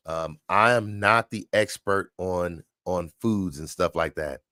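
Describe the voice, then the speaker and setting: Deep-voiced man chatting on a livestream. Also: dry recording, studio quality. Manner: relaxed, chatty, repeats points. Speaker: livestream host, dog trainer. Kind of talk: casual livestream chat answering viewer questions.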